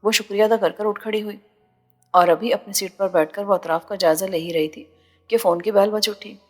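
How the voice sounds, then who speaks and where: A woman narrating an audio novel in a steady, even storytelling manner. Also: mid-range voice. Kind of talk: scripted narration. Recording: long reverb with faint background music.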